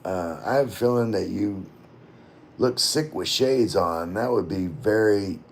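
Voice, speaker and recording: A middle-aged man with a lowish voice hosts a laid-back livestream, taking his time as he reads viewers' comments and answers them. He rambles, keeps it informal and swears on occasion, and a little hiss or hum is audible.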